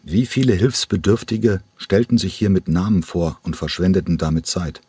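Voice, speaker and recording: A man with a deep, husky voice narrates an audiobook. His delivery is measured and steady. The recording is dry and close. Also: no room sound. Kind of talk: scripted narration.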